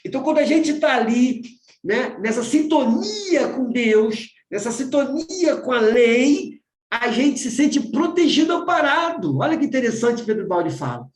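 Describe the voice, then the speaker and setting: A man's voice: very high-pitched, sing-song, moderate pace, roomy sound. A man with a Brazilian Portuguese accent leading a spiritual study group over a video call, talking conversationally and often checking in with "né?". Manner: keeps asking "né?", repeats himself.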